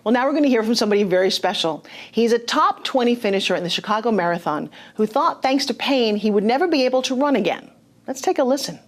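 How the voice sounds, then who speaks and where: Fast-talking female infomercial host. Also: fairly high pitch, animated. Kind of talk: presenter interviewing guests and pitching to viewers.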